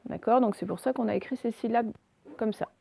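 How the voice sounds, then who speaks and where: A woman teaching a recorded phonics lesson to young pupils, slowly and carefully pronouncing example words. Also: a little high, vocal fry, warm tone, a little hiss or hum. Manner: slow, carefully articulated words for dictation. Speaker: primary school teacher.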